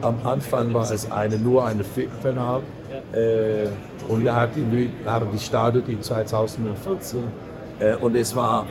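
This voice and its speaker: A Belgian man, a podcast guest who edits a print-industry film channel, chats casually in an interview in German, which isn't his first language. He speaks haltingly, with many fillers and restarts, in a medium-pitched voice with little pitch movement. A crowd can be heard behind him.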